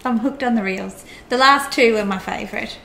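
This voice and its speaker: A woman's voice: on the high side, moderate pace, creaky, bright, forceful tone. A woman hosting a casual chat, chatty and giggly. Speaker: host. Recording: roomy with faint noise.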